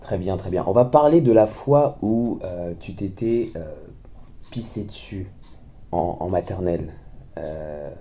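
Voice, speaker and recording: Teasing casual host with a low voice. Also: male voice, unhurried, dark tone. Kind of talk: casual interview questions.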